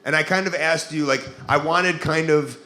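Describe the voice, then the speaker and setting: A man's voice: fairly high pitch, steady tone, normal speed, pushed and bright. A man hosting a live podcast on stage, chatting casually with guests in a noisy venue. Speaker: podcast host.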